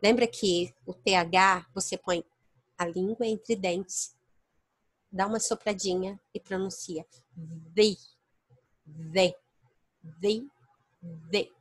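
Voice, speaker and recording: A woman with a steady, mid-range voice and a Brazilian Portuguese accent teaches a virtual English class from home, speaking slowly with no echo. Each point is explained in steps, and she checks her students' understanding along the way.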